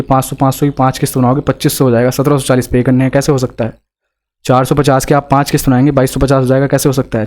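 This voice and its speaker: Man, indian accent, math teacher, explains step by step, rhetorical questions, medium pitch. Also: a little mellow. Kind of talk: exam-prep math lesson.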